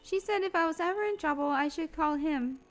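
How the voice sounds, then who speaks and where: A woman's voice: very high voice, brisk, voice pushed up. A woman voicing an earnest young female spirit medium in training, reading game dialogue in a raised, polite, pleading voice.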